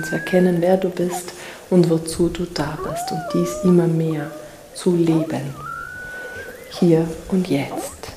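A woman hosting a podcast, welcoming listeners in a gentle manner and ending her intro in a soft whisper. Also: on the low side. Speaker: podcast host. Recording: echoey room with background noise.

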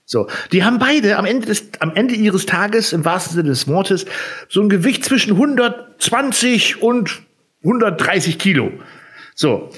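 Male podcast co-host from Germany, slightly high voice, explanatory and filler-heavy. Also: expressive, a little slow, a bit bright. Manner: explains with figures, many fillers. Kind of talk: casual podcast chat.

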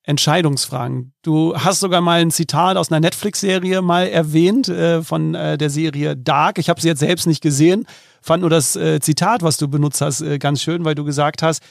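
A man's voice: a little high, steady tone, normal speed, creaky, no room sound, studio quality. A man hosting a podcast interview, asking friendly questions with frequent hesitations. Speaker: podcast host.

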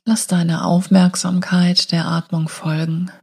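A woman guiding a hypnotic meditation in a slow, soothing hypnotist voice, breathy and often falling near a whisper, with long pauses. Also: on the low side, level tone, mellow. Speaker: meditation guide and show host.

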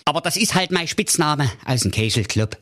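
A man voicing a hungover, blustering old king in a comic fairy tale, squeaking out flustered, whiny exclamations. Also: expressive, brisk, fairly bright tone. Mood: fussing. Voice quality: squeaky, high falsetto.

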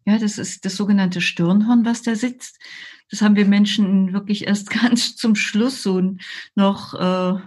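An older woman, a yoga teacher as interview guest, explaining at a slow, measured pace with frequent hesitations. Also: mid-range voice, steady tone, a little mellow, breathy edge.

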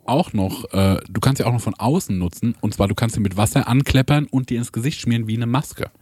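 A man chatting casually on a podcast, explaining at length and tagging his sentences with a quick question. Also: medium pitch, darkish tone, breathy edge, dry recording, clean studio sound. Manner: rambling, chatty explainer with filler "ne?". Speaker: podcast host. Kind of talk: casual chat.

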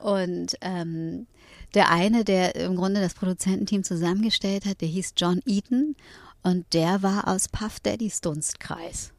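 A middle-aged woman from northern Germany, talking as an interview guest in a thoughtful way, pausing often with fillers. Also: lowish voice, fairly even intonation, vocal fry, no room sound, studio quality. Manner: thoughtful, with many hesitations and fillers. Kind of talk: reflective conversation.

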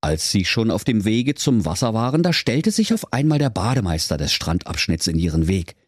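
A man narrating a comic fairy tale in a playful, expressive storytelling manner. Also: lowish voice, moderate pace, breathy edge, dry recording, clean studio sound.

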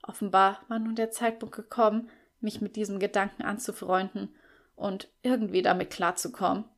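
Expressive woman narrating an audiobook. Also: mid-range voice, normal speed. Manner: expressive, lively storytelling. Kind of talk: scripted first-person audiobook narration.

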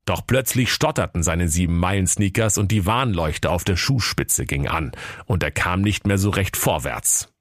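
Male narrator, playful, fairy-tale, low voice, very dry sound. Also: normal speed, dry recording. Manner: playful, storytelling to children.

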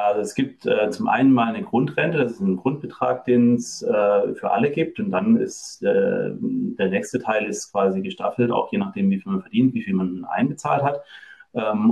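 Hesitant, low-voiced German guest. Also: male voice, vocal fry, a little mellow, muffled recording. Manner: hesitant, many fillers. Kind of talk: casual interview.

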